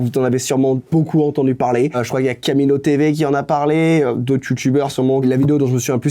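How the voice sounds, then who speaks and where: A man's voice: medium pitch, dark tone. A young man talking casually in an unscripted vlog about his sneaker collection, enthusiastic and chatty, dropping English slang into his speech. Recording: music playing faintly behind.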